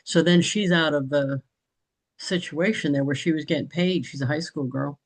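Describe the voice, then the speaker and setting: On a low-quality recording, a woman with a deep voice speaks at normal speed. She's taking part in business training, chatting casually in a group meeting, rambling, often restarting, and laughing lightly.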